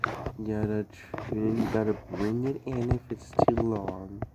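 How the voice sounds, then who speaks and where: Speaking in a lowish, steady, unhurried voice, a man hosts a casual tutorial recorded from his screen. His delivery is hesitant, with repeated phrases and frequent restarts, and the audio carries loud background noise and clicks.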